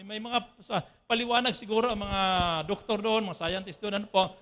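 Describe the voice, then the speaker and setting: Male pastor from the Philippines, high bright voice, chatty sermon delivery that checks in with the congregation. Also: fairly even intonation, fairly quick. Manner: conversational preaching with frequent "ano po" checks to the congregation. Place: church.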